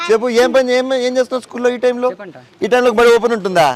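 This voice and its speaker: A man, a politician touring a village outdoors, talking casually with villagers and children in a brisk, commanding, playful way. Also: very high voice.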